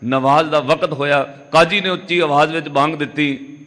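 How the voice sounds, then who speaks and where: A man preaching a Sikh katha sermon, telling a story with lively delivery, sometimes breaking into melodic chanting. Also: a little high, normal speed. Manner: animated storytelling, acting out dialogue in quotes. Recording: long hall reverb.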